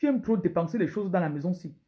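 A woman acting out a stingy, controlling husband who nags quickly and reproachfully about household spending. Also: lowish voice, expressive, mellow, natural voice. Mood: nagging.

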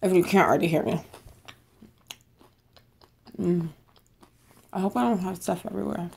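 A woman's voice: fairly low pitch, normal speed, vocal fry, a little mellow, husky. A young woman vlogging from home in a casual eat-with-me chat, bubbly and chatty, talking between bites while losing her voice. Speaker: mukbang vlogger.

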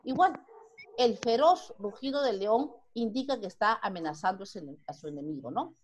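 A woman's voice: mid-range voice, expressive, moderate pace, a little hiss or hum. A Peruvian woman teaching a primary school grammar lesson online, who asks the class questions and then answers them herself. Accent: Peruvian Spanish.

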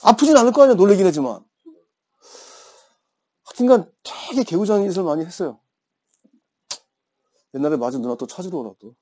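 A man's voice: sits high, animated, brisk, pauses often, darkish tone. A man in his fifties teaching an English grammar class, telling playful stories and teasing his students. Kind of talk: classroom lecture with chatty anecdotes.

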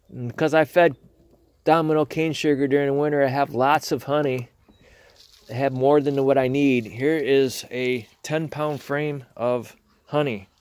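In a dry recording, a man with a fairly high voice walks through his hives in a garage, filmed on a handheld phone. He keeps it casual and plain, chatting and explaining as he works in a hands-on demonstration.

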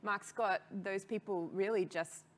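An Australian woman in her thirties from rural Australia, a DJ and label founder, tells her career story as a guest in a casual interview, chatty and laughing often. Her voice is mid-range and steady, at a measured pace.

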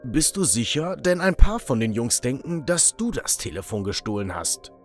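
A man's voice: mid-range voice, big pitch swings, normal speed, faint music behind, natural voice. A man voicing a stern adult male camp boss who growls threats at the boys. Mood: probing.

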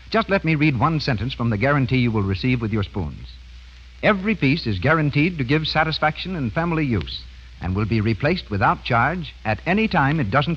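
This is a muffled 1930s radio broadcast in which an American man reads advertising copy. His mid-range voice is slightly rough, and his delivery is formal and emphatic, with careful enunciation.

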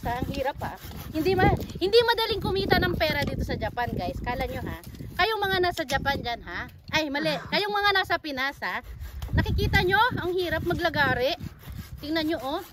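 A woman vlogger from the Philippines, high-pitched and breathless from sawing in an orchard, joking and chatty. Her voice sits well above the usual, caught on a phone outdoors with plenty of background noise. She laughs often and talks straight to her viewers. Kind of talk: casual vlog narration while working.

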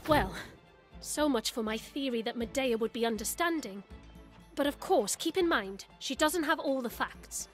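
A woman voicing a wry, hopeful druid, the last of her order, in measured, conversational video game dialogue. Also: sits high, expressive, soft background music.

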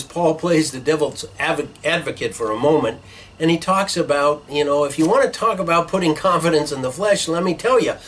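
Middle-aged male pastor, husky, somewhat high voice, earnest sermon from a desk webcam. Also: fairly bright tone, rough recording. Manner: earnest teaching tone with frequent uh fillers, gesturing with hands. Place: small church office with bookshelves, indoors.

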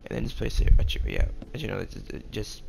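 A man's voice: deep voice, huge pitch swings, quick pace, vocal fry, background noise. A young man in his late teens narrating a casual build tutorial, stammering, repeating words and often correcting himself. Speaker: game tutorial host.

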